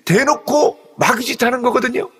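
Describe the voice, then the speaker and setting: A man's voice: very high voice, moderate pace, husky. A male pastor preaching an early-morning sermon, playfully acting out the story as he explains it. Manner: animated, playfully acts out the story. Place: church sanctuary. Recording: long hall reverb.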